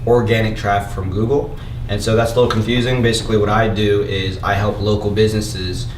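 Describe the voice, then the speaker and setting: A man in his thirties talks loosely through his story with a low voice, leaning on "you know" as he goes. The sound is roomy and picked up from a few feet away. A faint hiss sits underneath. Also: a little fast, far from the mic. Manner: relaxed, frequent "you know" fillers, gestures while talking. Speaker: podcast guest, business owner. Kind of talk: casual interview conversation. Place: indoor room by a window. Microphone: far camera mic.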